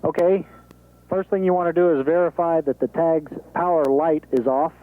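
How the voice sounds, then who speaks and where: This American capsule communicator at mission control speaks at normal speed in a slightly high voice with fairly even intonation. He walks through procedures step by step in a businesslike way, and the space radio link sounds thin, band-limited and phone-like.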